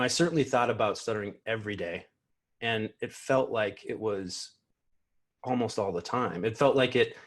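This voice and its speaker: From a small room at home, a keynote speaker in his thirties talks personally to an online convention through the earphone mic of a video call. He stutters with repeated sounds and blocks, restarts words often, and sounds slow, earnest and reflective in a lowish voice.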